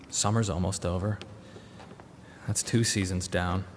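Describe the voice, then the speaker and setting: Speaking in a low, fairly even voice, an actor takes the role of narrator and protagonist in a radio drama, a young father who is grieving and restless. The delivery is earnest, awkward, halting and reflective, with a wistful feel, captured in a reverberant hall over faint background noise.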